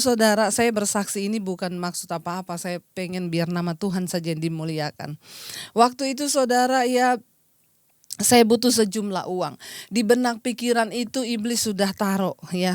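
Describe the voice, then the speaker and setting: A woman's voice: medium pitch, normal speed, no room sound. A woman pastor giving an online Sunday sermon, fervently exhorting her listeners and telling personal testimony with emotional emphasis. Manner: fervent, exhorting, repeatedly addresses listeners directly.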